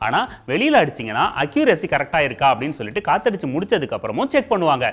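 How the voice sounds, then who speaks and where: Rapid-fire and breathy, with wildly swooping pitch and a fairly bright tone, a man with a slightly high voice and a Tamil Nadu accent hosts an informational TV program. He speaks to viewers directly, explaining in conversational colloquial Tamil with comic asides.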